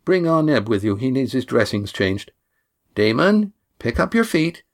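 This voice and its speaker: A man reading a story, voicing a brisk young woman giving quick orders. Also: extremely low pitch, sing-song, full character voice. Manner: brisk, commanding.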